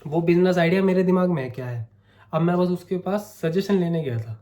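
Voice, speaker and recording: A man's voice: high-pitched, lively intonation, a little fast, dark tone. A young man with a sore, coughing throat, chatting to camera in a casual vlog and coaxing his viewers. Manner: chatty, coaxing, keeps saying "theek hai". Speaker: vlogger.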